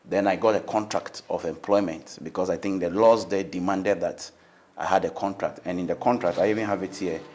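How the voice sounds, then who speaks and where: Man, 40s, very low voice, former pastor giving measured testimony. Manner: measured, recounting dates and postings. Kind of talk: testimony interview.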